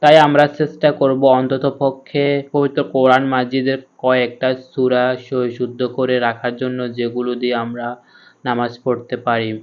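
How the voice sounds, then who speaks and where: A man teaching Quran reading, patiently spelling out each letter and sound in a slow step-by-step lesson. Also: medium pitch, completely flat delivery, dull audio.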